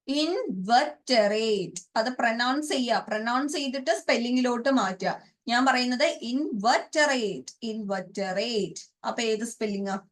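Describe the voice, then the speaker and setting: A woman with a Malayali accent teaching English grammar and vocabulary for an exam, often asking her students questions and slowly repeating and spelling out words. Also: high voice, a bit bright.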